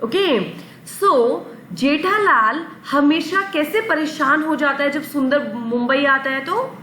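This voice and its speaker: High-voiced teacher quizzing children. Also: female voice, slow pace, bright, forceful tone, echoey room, a little hiss or hum. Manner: repeats questions and answers, coaxing. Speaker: English teacher. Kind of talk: vocabulary lesson for children.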